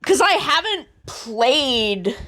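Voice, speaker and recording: A woman's voice: high voice, sing-song, drawn-out words, sharp tone. A woman streamer chatting casually on a live stream, rambling and thinking aloud, swearing now and then.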